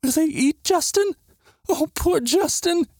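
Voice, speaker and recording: A high, trembling voice of a frightened young girl, put on by a male storyteller. She whimpers in a small, wavering tone, very close and dry. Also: expressive, moderate pace, a little mellow, no echo, natural voice. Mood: whimpering.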